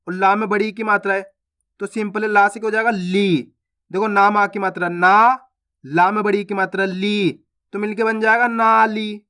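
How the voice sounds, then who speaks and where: A man teaching Hindi reading, sounding out syllables slowly and stretching each word, with quicker explanations between. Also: high-pitched, bright, forceful tone. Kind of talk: slow phonics lesson, drawn-out syllables.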